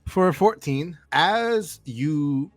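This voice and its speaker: A man acting as game master, narrating scenes in a loose, rambling way and laughing often, with soft music in the background. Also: a little high, animated, extremely slow, no room sound. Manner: giggly, loose, rambling descriptions.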